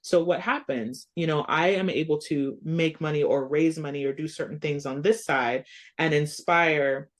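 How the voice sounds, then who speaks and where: A woman from the United States, a coach and founder, talking as a guest in a casual podcast interview, animated and earnest, full of "like" and "you know". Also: low voice, normal speed. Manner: earnest, emphatic, speeds up in bursts.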